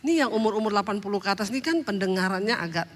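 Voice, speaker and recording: A woman pastor from Indonesia giving a sermon, telling humorous stories and acting out quotes in a lively way. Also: medium pitch, rapid-fire, slight background noise. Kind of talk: sermon storytelling.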